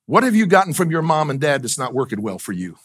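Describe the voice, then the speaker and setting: Male pastor, middle-aged, slightly high voice; conversational sermon with questions to the congregation. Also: very animated, quick pace, fairly bright tone, slightly rough. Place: church.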